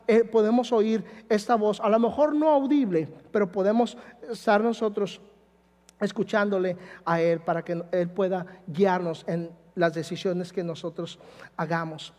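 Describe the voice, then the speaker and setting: A man's voice: high-pitched, dark tone. A man preaching a sermon as pastor in a conversational way, often adding tag questions to his listeners. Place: church. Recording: long church hall reverb.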